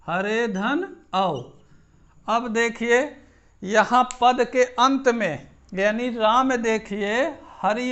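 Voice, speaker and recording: A man teaching grammar in a slow, patient way, often stopping to check in with his students. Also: sits high, fairly bright tone, dull audio. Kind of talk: explaining grammar at a board.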